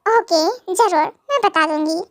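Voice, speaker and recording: A woman's voice: extremely high pitch, a little slow, no echo, studio quality. A woman voicing a knowing female doctor who hints and teases in a fan-made audio drama. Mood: teasing. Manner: teasing, hinting.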